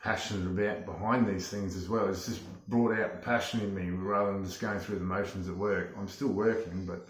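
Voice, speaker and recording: A man's voice: low voice, fairly even intonation, brisk, hardly any pauses. A man giving a casual, plain-spoken testimonial, feeling his way through his phrases a little hesitantly. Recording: echoey room.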